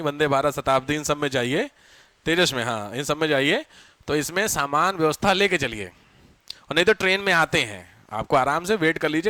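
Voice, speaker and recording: Male teacher, a little high, bright and forceful, dry close sound, chatty classroom lecture, quizzes students. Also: no echo. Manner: chatty, tells anecdotes, asks students questions; dictates notes slowly.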